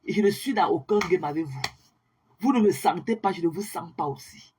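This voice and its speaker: A woman's voice: lowish voice, expressive, fairly quick, warm tone, slight background noise. A young woman livestreaming a scornful, taunting rant at her critics, slipping in English phrases. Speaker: social media livestreamer. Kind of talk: ranting monologue to viewers.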